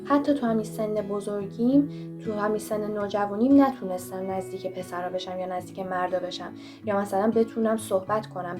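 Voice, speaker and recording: A young woman vlogger giving motivational advice, talking straight to the viewer in a direct, coaching way. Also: mid-range voice. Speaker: self-help vlogger. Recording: voice over clear background music.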